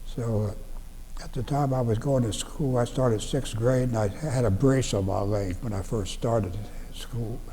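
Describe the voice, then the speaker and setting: In a library room with long, ringing reverb and faint background noise, a ninety-something veteran from Ohio, USA, shares oral history memories. He talks in a plain, halting way, restarting often and using fillers, and his mid-range voice sounds dark and mellow.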